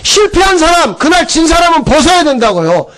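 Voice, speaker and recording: A middle-aged male pastor giving a conversational sermon, chatty and animated, acting out voices as he goes. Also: extremely high pitch, brisk.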